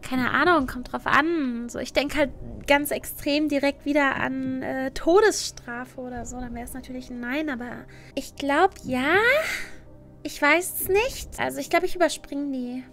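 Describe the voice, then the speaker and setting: A woman chatting casually on a livestream with a cute, animated anime-streamer delivery, switching between reading aloud and giving her own take. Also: high-pitched, a little slow. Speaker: livestreamer, VTuber host. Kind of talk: casual livestream chat, reading out and answering quiz questions.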